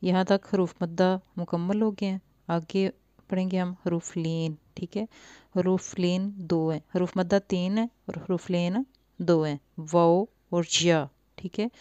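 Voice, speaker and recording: A woman leads a slow beginners' lesson, stretching each syllable and explaining patiently. Her voice is low, flat and mellow, very clear. The recording is dry and a little dull. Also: dry recording. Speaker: Quran reading teacher. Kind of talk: slow spelling drill of Arabic letters for beginners.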